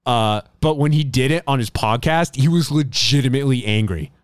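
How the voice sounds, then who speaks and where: Smooth-voiced man hosting a podcast chat. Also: mid-range voice, lively intonation, normal speed, no room sound, studio quality. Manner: rambling, chatty, restarts sentences. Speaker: podcast host. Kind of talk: casual chat.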